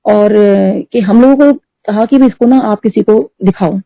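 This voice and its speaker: Fast-talking woman, dark dull lo-fi sound. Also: mid-range voice, gravelly, no echo. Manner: fast storytelling with Hindi-English mixing. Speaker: devotee sharing testimony. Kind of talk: devotional satsang talk. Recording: dull lo-fi dry recording.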